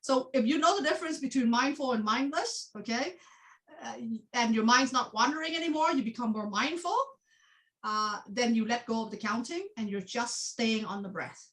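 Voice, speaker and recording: A woman's voice: a little high, moderate pace, rough recording. A woman teaching a meditation class, explaining with frequent laughs and many restarts. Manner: animated, laughs often, repeats and restarts.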